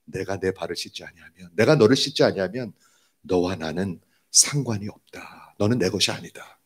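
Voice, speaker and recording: A man's voice: expressive, slightly rough. A man playing a grave, solemn teacher. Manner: slow, grave, lowered voice.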